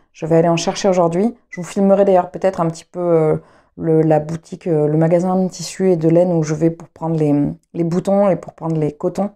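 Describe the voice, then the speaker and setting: This young woman from France, who makes knitting videos and plays the trumpet, rambles informally to the camera with many fillers and restarts. Her voice sits in the mid range and has a dark tone.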